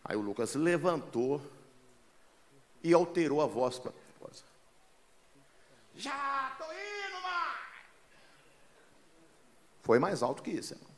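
A man's voice: medium pitch, moderate pace, long pauses, a little hiss or hum. A man preaching a sermon as a pastor, telling folksy stories and often calling listeners "brother". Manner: lively, acts out the voices in his stories.

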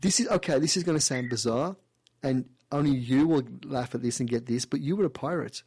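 A man hosting a call-in radio show who gives a caller a playful, animated past-life reading, often repeating and restarting his phrases. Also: medium pitch, fairly quick, husky, no echo.

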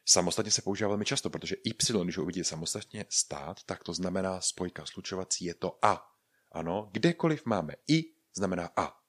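A man with a deep, low voice leads a podcast pronunciation lesson in his native Czech. He explains patiently and spells words out letter by letter. He repeats each example slowly and adds the odd light joke. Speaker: Spanish language teacher.

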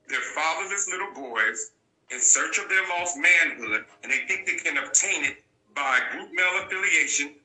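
A man's voice: on the high side, sharp tone, roomy sound, low-quality recording. A man talking as an interview guest, telling his story bluntly and repeating key points for emphasis. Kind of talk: candid storytelling.

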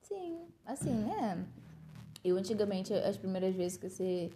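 A Brazilian woman hosting a podcast, chatting casually in an expressive, exclamatory way. Her voice is mellow and warm, at a middle pitch. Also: unhurried, a little hiss or hum. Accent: Brazilian Portuguese. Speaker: podcast host.

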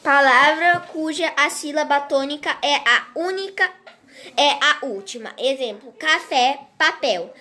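Woman, lesson reading, high voice, slow, halting with restarts. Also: sharp tone. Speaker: teacher. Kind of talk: reading a grammar lesson aloud.

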